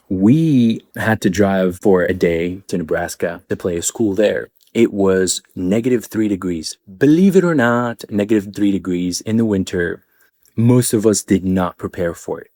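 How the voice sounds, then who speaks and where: Low-voiced man telling a personal story. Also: dry recording, studio quality. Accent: Arabic. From Arabic-speaking country. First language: Arabic. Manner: animated, acts out quoted people with rising pitch. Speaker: vlogger. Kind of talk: casual storytelling monologue.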